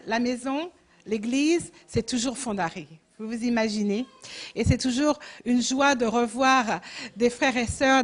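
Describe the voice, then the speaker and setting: A French woman in her sixties, whose accent carries a faint Jamaican tinge, speaks to a church congregation as a missionary. Her voice sits somewhat high, and she talks hesitantly, restarting phrases as she searches for words. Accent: French with a slight Jamaican tinge.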